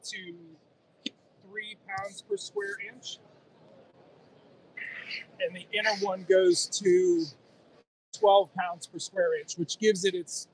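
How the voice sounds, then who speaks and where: A man's voice: high voice, a little hiss or hum. A man in his forties explaining kayak gear with enthusiasm, interviewed on a phone in a busy convention hall. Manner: enthusiastic, explanatory, gestures while talking. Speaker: guest kayak angler. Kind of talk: casual trade-show interview. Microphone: handheld phone held by interviewer.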